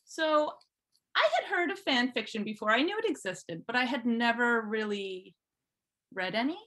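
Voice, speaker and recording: A fan fiction writer appears as a podcast guest, casually telling her own story and saying "like" a lot along the way. Her voice is fairly high-pitched and sharp in tone, animated, and paced at normal speed.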